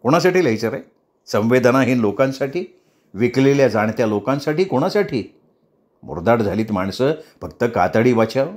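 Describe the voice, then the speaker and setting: A man playing a furious middle-aged editor in an audiobook, sharp and bitter, his words snapping out at a middling pitch. His voice stays close to an everyday man's. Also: very animated, normal speed, lightly acted. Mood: angry. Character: agitated middle-aged male newspaper editor.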